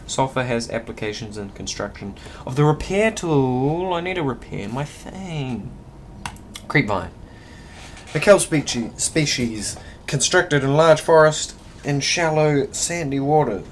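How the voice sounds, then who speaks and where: A video game player with a mid-range voice gives casual, animated commentary at a measured pace, muttering to himself and reading game text aloud with the odd stumble. The recording is clearly noisy, with a background hum.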